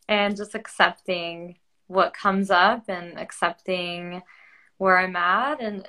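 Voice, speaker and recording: A woman's voice: medium pitch, a bit bright. A woman guest chats openly about spirituality on a live stream. She laughs easily and fills her sentences with "like". Her voice sits in a middle range. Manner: laughing often, many "like"s. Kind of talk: casual spiritual conversation.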